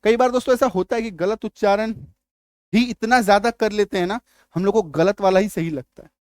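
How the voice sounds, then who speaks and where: High-voiced man teaching English spelling. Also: no echo, studio quality. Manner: repeats checks like "आ रही बात समझ में?"; stretches out example words slowly. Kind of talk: spelling lesson.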